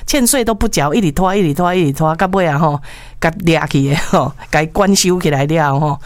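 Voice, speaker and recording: A woman's voice: low-pitched, brisk, dry recording, clean studio sound. A woman with a Taiwanese accent co-hosting a casual radio chat, speaking colloquially and emphatically with repeated phrases and frequent tag particles. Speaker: radio co-host. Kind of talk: casual call-in radio chat mixing Mandarin and Taiwanese Hokkien.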